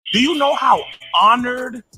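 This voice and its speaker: A man in a short clip speaking in an exaggerated, mock-serious and preachy way, with clear irony. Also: extremely high pitch, a little slow, pushed and bright, faint music behind. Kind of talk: mock-serious sarcastic speech.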